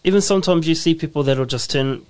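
A man's voice: fairly high pitch, fast talker, darkish tone. A man with a New Zealand accent co-hosting a community radio show, playful and rambling as he jokes along. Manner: playful, joking, rambling storyteller. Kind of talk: casual radio chat. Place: community centre studio.

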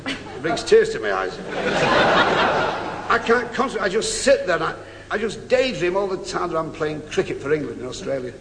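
A comedian giving a stand-up monologue, telling a mock-sentimental story in flowery, overblown phrasing. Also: male voice, on the high side, big pitch swings, moderate pace. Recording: reverberant live hall, loud noise, audience laughter.

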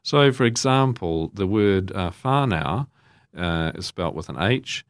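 New Zealand priest, low-pitched and chatty. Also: male voice, animated, no echo, studio quality. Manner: chatty and self-deprecating, then measured intoning prayer. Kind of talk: homily and prayers of the faithful.

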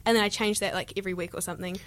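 A woman's voice: medium pitch, fairly even intonation, very fast, a bit bright, no room sound. A young woman with a New Zealand accent, co-hosting a youth radio show in bubbly, giggly casual chat. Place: radio studio.

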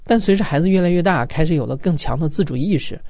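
A man narrating a scripted introduction of the next guest in a smooth, even delivery. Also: a little high, quick pace, no room sound.

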